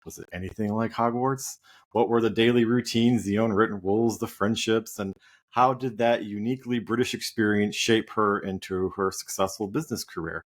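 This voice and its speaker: A man's voice: on the low side, fairly even intonation, normal speed. A man hosting a podcast interview, friendly and enthusiastic, with some stumbles. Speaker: podcast host.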